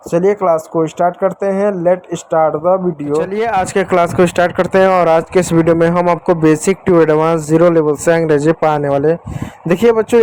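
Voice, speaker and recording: A man's voice: sits high, a little mellow. A man teaching a spelling lesson at a whiteboard, patient and repetitive, talking to viewers as children and friends. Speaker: English teacher.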